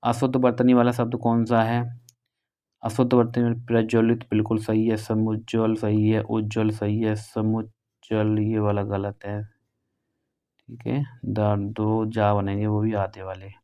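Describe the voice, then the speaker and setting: A male teacher from northern India going through exam questions in a brisk, conversational way, drawing out the key words. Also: lowish voice, monotone, mellow, clear, resonant tone. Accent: Hindi, northern India.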